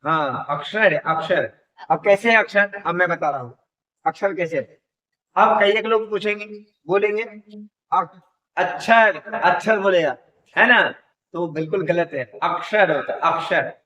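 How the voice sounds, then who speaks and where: Male teacher, high voice, slow deliberate drilling with question-and-answer, dull lo-fi classroom recording. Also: bright, forceful tone. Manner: drills pronunciation, asks questions and repeats answers. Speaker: Sanskrit teacher. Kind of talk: classroom lesson.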